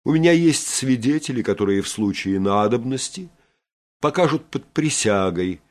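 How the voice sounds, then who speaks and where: A man reading the part of a cold, threatening middle-aged surgeon who gives orders in a measured, menacing way. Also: mid-range voice, animated, voice pushed up, close to an everyday voice. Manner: threatening, commanding.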